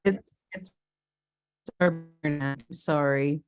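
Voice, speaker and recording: A woman co-hosting a group video call, her voice breaking up and dropping words over a bad internet connection, speaking haltingly. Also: low-pitched, lo-fi sound, soft background music. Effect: voice cutting in and out over a bad internet call. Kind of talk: casual chat.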